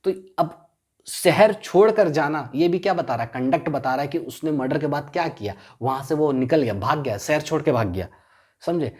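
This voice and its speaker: A man's voice: a little high, darkish tone. A male law lecturer talks in a drilling classroom style, throwing out a question and then answering it himself. He circles back on the same key terms again and again so they stick. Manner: constantly quizzes the listener and answers himself.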